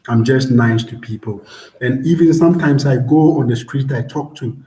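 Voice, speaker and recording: A man's voice: mid-range voice, normal speed, dark tone. Easygoing Ghanaian man, echoey room. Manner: easygoing, repeats words, many fillers. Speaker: vlogger answering viewer questions. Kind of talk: casual live-stream chat.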